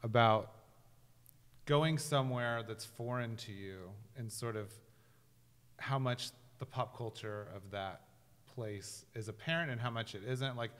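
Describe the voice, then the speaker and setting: A man in his forties co-hosts a casual studio chat and frames long questions in a loose, rambling way. His voice sits at a middle pitch, and a long reverb trails behind it. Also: measured pace, fairly bright tone, smooth. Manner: rambling, many fillers and restarts while framing questions. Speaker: podcast co-host. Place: studio with orange backdrop. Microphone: studio mic on boom arm.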